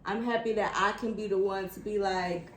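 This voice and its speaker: A woman's voice: mid-range voice, steady tone, normal speed. A young woman vlogger, earnest and reflective, talking openly with her father over a meal. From United States. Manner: earnest and reflective, repeats herself for emphasis. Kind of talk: heartfelt sit-down conversation over a meal. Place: indoors at a table. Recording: echoey room with faint background noise.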